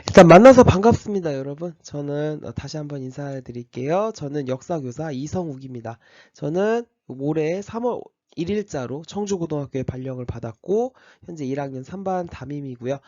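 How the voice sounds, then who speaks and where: Nursing a slight cold, a male high school history teacher explains the course outline step by step in a recorded class orientation, often stumbling over fillers and restarts. His slightly high pitch moves around a lot, his tone is mellow, and he speaks expressively and fairly quickly with hardly any pauses. The dry recording sounds a bit dull.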